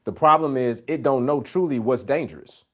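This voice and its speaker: A man with a medium-pitched voice hosts a live Q&A at a normal speed. He speaks emphatically in a preacherly, faith-based coaching style, repeating his key phrases.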